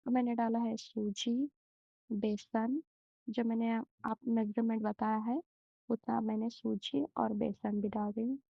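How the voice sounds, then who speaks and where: Young woman, cooking demo, slow and gentle, gravelly fry, flat even delivery. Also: on the high side, no echo, muffled recording. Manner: slow, gentle, many hesitations. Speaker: home cooking channel host. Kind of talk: step-by-step recipe demonstration.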